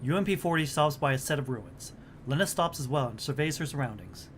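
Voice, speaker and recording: A man's voice: on the high side, expressive, brisk, slight background noise. A man reading the narration of a game story aloud on a stream. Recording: music behind the voice. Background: music.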